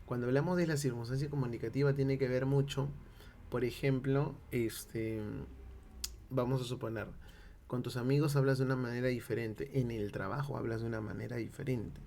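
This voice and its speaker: A man's voice: mid-range voice, steady tone, normal speed, gravelly, warm tone, a little hiss or hum. A Peruvian man teaching a linguistics lesson, explaining step by step and checking in with his listeners. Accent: Peruvian Spanish. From Peru. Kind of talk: classroom-style linguistics lecture.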